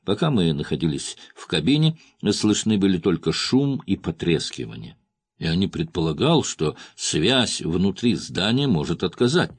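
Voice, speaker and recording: Male audiobook narrator, very low voice, measured crime-novel reading, dry studio sound. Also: big pitch swings, husky, no room sound. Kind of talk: scripted first-person narration of a crime novel.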